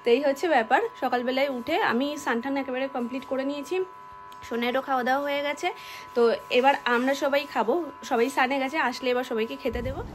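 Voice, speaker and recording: Bengali woman chatting thru a home vlog, pretty high voice, lots of house noise. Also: fairly even intonation, fast talker. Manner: switches to high coaxing talk with a toddler. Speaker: vlogger. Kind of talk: casual family vlog talk. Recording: noisy home ambience.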